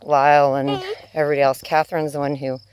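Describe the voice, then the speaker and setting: A woman chatting casually as she films her family farm outdoors on a handheld phone, gentle with the animals. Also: deep voice, little pitch movement, fast, a little hiss or hum. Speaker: homesteader filming family farm. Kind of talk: casual narrated farm vlog. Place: outdoors on a farm, in a small livestock shelter.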